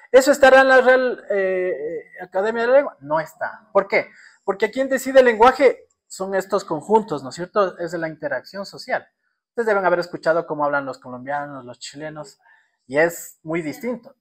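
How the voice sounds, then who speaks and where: A man with a Quito Ecuadorian accent giving a classroom lecture, conversational and often checking in with rhetorical questions. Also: sits high. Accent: Quito Ecuadorian Spanish. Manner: conversational, constantly checks in with students through rhetorical tag questions. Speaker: university lecturer.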